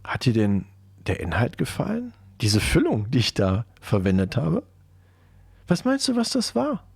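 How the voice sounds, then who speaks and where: A man's voice: medium pitch, huge pitch swings, measured pace, creaky, darkish tone, breathy edge, no room sound, full character voice. Cold vengeful girlfriend, as a man puts her on. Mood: menacing. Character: jealous, vengeful young woman, cold and menacing.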